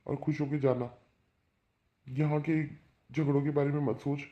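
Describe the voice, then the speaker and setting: Man as a young cartoon son, reproachful, slightly higher voice, muffled lo-fi. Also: level tone, normal speed, a little hiss or hum, close to an everyday voice. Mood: reassuring. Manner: reproachful, advising.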